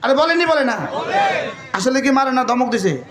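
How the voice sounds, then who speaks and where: Male preacher, high-pitched, fiery, echoey loudspeaker sound. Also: animated, normal speed. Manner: fiery, calls out to the crowd; quotes Arabic verses in a chant. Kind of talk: Bengali waz sermon.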